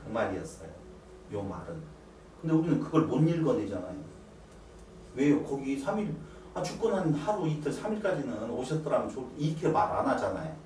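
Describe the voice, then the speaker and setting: A middle-aged male pastor preaching in a church, animated and coaxing his listeners to answer his questions. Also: medium pitch, brisk, slight background noise. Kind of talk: lively sermon with questions to the congregation. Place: church sanctuary. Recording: roomy sound from a distant mic, faint ambience.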